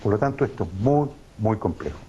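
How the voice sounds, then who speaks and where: A man with a lowish, animated voice speaks fairly quickly as a guest analyst on a talk show, lecturing in an emphatic, professorial manner with frequent hesitations. His tone is mellow, the highs are cut off, and there's slight background noise.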